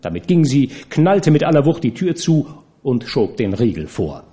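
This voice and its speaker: Expressive male audiobook narrator. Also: medium pitch. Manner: expressive, measured storytelling. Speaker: audiobook reader. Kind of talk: scripted narration.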